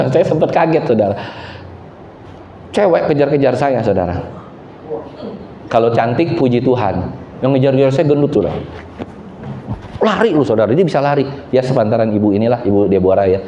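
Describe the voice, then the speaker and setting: A middle-aged man preaching a sermon, telling stories animatedly and speaking directly to his congregation. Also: slight background noise. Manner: animated storytelling, voices quotes higher. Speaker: pastor. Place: church hall. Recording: echoey church hall, slightly dull sound.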